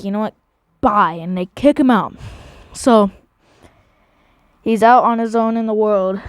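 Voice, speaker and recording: A woman's voice: fairly high pitch, darkish tone, clear, resonant tone, dry recording. A woman casually narrating a recap of her own animation series, rambling with many fillers and restarts.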